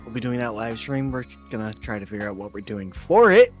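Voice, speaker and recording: A man co-hosting a casual podcast chat, dry and deadpan with terse replies. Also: mid-range voice, a little fast, soft background music. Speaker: podcast co-host.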